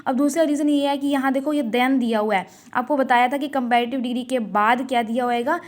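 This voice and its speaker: Woman teacher, high voice, repetitive question-and-answer drilling, slow drawn-out examples, grammar lesson. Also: fairly even intonation. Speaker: school English teacher.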